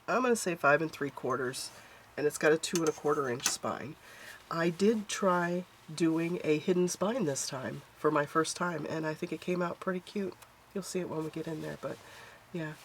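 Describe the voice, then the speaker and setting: A woman's voice: deep voice, slight background noise. A woman hosting a casual craft journal flip-through from her home craft room, talking in a chatty, homey way with a stuffed-up, nasal voice. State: stuffed up, congested nose. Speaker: craft channel host.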